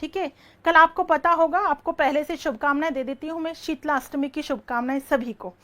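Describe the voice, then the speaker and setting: A woman teaching an online exam-prep lecture, firing quick questions, repeating each answer and calling her students "beta". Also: high-pitched, steady tone, a bit bright.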